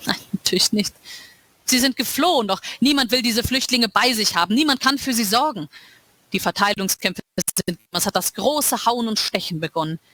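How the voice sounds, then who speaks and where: A woman reading aloud, voicing a cold, all-knowing male world ruler who speaks slowly and calmly, like a lecture. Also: high-pitched, no room sound. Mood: calm lecturing. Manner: slow, calm and lecturing. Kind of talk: dramatic reading of a novel.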